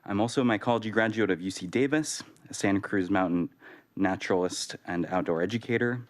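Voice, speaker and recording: A man's voice: on the low side, fairly quick. A man giving a prepared public comment at a city council, listing his credentials.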